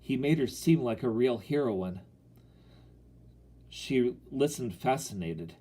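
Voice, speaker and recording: Mellow-voiced male audiobook narrator. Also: medium pitch, animated, slow pace.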